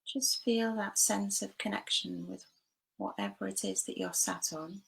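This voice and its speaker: With fairly even intonation and a gravelly, medium-pitched voice, a woman teaching meditation walks listeners through a body scan. Her gentle, unhurried instructions come with long pauses between phrases, captured on a low-quality recording.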